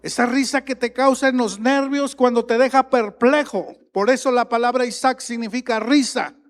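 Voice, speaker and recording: A man preaching a sermon as pastor, emphatic and growing louder on key points. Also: very high voice, fairly even intonation, moderate pace. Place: church sanctuary. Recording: long reverb of a large hall.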